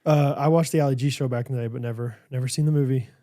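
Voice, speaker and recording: A man's voice: mid-range voice, steady tone, rapid-fire, mellow. A man co-hosting a podcast in casual chat, rambling and tripping over his words. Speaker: podcast co-host.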